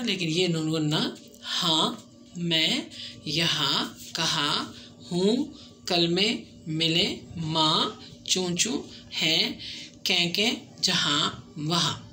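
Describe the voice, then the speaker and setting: A woman teacher explaining a script lesson slowly and patiently, repeating example words for learners to follow. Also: lowish voice, sharp tone, slight background noise. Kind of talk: classroom lesson on Urdu script.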